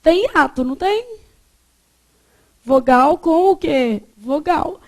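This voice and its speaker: A woman teaches a grammar lesson. Her voice sits high and she talks at an unhurried pace. She keeps putting questions to the class and then answering them herself. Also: animated.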